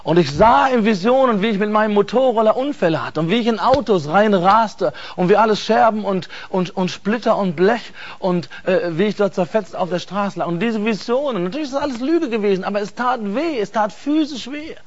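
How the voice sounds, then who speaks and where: A man's voice: high voice, a little fast, hardly any pauses. A man telling an earnest personal testimony in an intense, emphatic way, repeating words for stress. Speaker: speaker giving a personal testimony. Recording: dull lo-fi recording.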